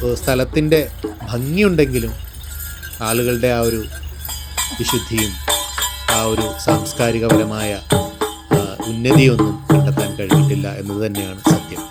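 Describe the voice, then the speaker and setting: A man from Kerala with a Kerala accent narrates a descriptive vlog in a reflective, measured way, phrase by phrase. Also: lowish voice. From Palakkad district, Kerala, India. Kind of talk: descriptive vlog narration of local temple customs. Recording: voice-over with music behind. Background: music.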